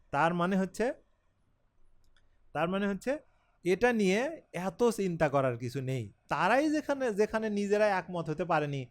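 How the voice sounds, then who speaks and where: Bangladeshi guy teaching english pronunciation, kinda high voice, slow and patient, encouraging. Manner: earnest, encouraging, explains slowly with pauses. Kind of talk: pronunciation lesson.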